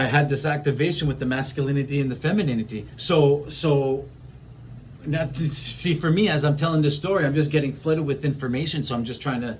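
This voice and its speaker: A man's voice: on the high side, slight background noise. A man talking casually and at length about spiritual experiences, rambling with many fillers and restarts. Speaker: spiritual vlogger.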